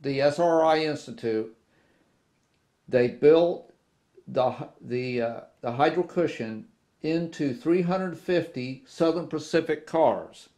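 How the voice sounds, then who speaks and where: A man's voice: on the high side, slow, dark tone. A man hosting a casual hobby tutorial about model railroad cars from his workbench, talking unhurriedly with frequent restarts and fillers. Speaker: model railroad video host. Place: indoor workbench with model trains.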